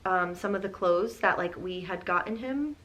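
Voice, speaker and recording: A woman co-hosting a podcast in casual chat, easygoing and quick to laugh. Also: on the low side, fairly bright tone. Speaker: podcast co-host.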